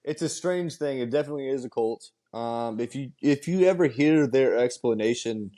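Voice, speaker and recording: A man's voice: medium pitch, normal speed, mellow. Laid-back young man, casual chat. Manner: laid-back, agreeable, lots of fillers. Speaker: podcast co-host. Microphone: video call.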